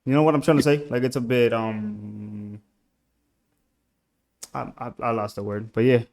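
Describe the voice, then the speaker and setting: Over a call, a young man from Puerto Rico, a musician whose native tongue is Spanish, chats in a casual interview with a Puerto Rican accent. His mid-range voice stays steady and unhurried, but he's hesitant and soft-spoken, frequently letting thoughts trail off.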